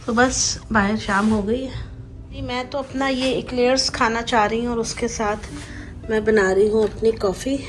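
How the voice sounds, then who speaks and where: A woman's voice: fairly high pitch, normal speed, soft background music. A woman in her thirties from Pakistan with a Pakistani accent, chatting casually to viewers in a daily vlog. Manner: chatty, talks to viewers while driving and errands. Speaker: vlogger. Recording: camera audio with steady background noise.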